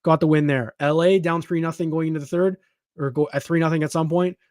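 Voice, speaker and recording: Guy co-hosting a sports podcast, kinda high voice, punchy and emphatic, dry close mic. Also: fast, dry recording. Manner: emphatic, animated, frequent restarts. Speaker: podcast co-host. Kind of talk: casual sports talk.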